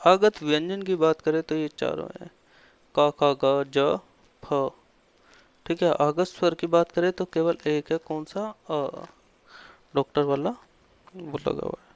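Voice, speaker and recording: Gravelly, clear-voiced male Hindi teacher. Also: fairly high pitch, steady tone, normal speed, no room sound. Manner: asks questions and answers them himself, with frequent fillers; repeats and stresses key terms like a classroom drill. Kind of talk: explaining a lesson on Hindi vowel endings.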